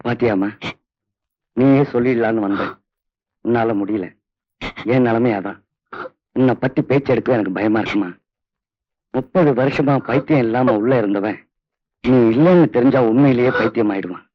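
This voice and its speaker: Guy begging someone to decide, played by a man, earnest, flat dry lo-fi audio. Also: medium pitch, moderate pace, pauses often, no echo, natural voice. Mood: pleading. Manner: earnest and pleading. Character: worried man pleading for a friend. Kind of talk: 1990s film drama acting. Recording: dry, dull lo-fi film audio.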